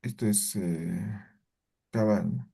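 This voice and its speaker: A man's voice: deep voice, very slow, vocal fry, dark tone, breathy edge. A male language teacher correcting his students' pronunciation in an online class, speaking patiently and hesitantly with many fillers. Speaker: Aymara teacher.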